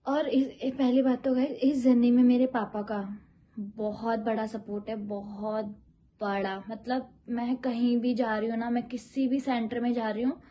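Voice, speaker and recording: A young Indian-born yoga teacher talks straight to her viewers in a casual, personal way. Her voice sits a little on the high side. She loops back on her words and repeats phrases as she goes. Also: fairly even intonation, a little slow, highs cut off, a little hiss or hum.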